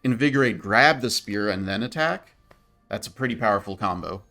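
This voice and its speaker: A man's voice: on the low side, lively intonation, fairly quick, gravelly, pushed and bright, faint music behind. A man co-hosting a gameplay stream, explaining how the game works in a light, joking way. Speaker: stream co-host. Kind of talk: casual gameplay chat.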